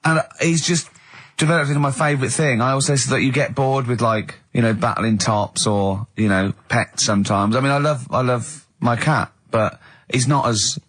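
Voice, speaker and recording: A man with a slightly husky voice hosts a comic radio show. He tells a story in a mocking, amused way and often breaks into laughter. The sound is dry and close, like a studio. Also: mid-range voice, moderate pace, fairly bright tone, dry recording. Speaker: radio host.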